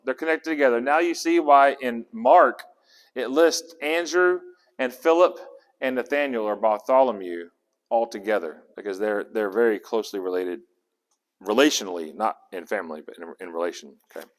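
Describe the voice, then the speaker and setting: This Bible teacher has a mid-range voice and talks at an ordinary speed. He leads his group conversationally, posing questions and restarting the odd word, while a hall's long echo trails his speech.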